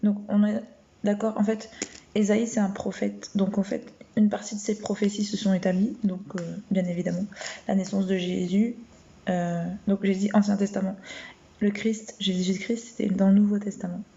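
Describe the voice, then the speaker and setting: A woman with a gentle, warm voice chats on a late-night live stream from home, speaking in an even tone that barely rises or falls. She talks hesitantly, with many fillers and restarts. The phone recording sounds a little dull and muffled. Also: medium pitch, normal speed, creaky. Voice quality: soft, warm voice. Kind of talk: casual live-stream chat and Bible reading.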